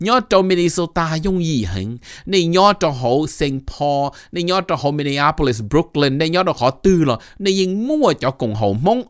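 Give me a middle-aged man explaining things in an animated way, with a lively melody and a dry voice. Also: mid-range voice, no echo. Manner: animated, mixing in English terms. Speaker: host giving advice. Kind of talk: casual informational talk.

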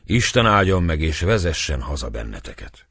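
A man's voice: rumbling low, sing-song, vocal fry, fairly bright tone, slightly rough, no room sound, studio quality, full character voice. A man reading an audiobook, voicing a stern old priest who admonishes and blesses a crowd. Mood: earnest plea. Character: stern old village priest, grave and commanding.

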